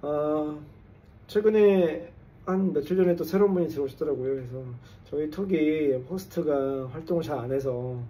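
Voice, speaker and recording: Here a Korean man in his forties speaks at a normal pace in a mellow voice on the high side, captured by a distant mic. Tipsy after a few drinks, he delivers a relaxed vlog monologue to camera, drawing on his roles as construction engineer and English coach running a channel and mixing in English terms.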